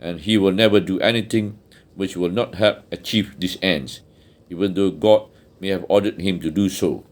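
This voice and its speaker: A man reading a religious book aloud in a measured, earnest way, now and then restarting a phrase. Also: sits low, fairly even intonation. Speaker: audiobook reader.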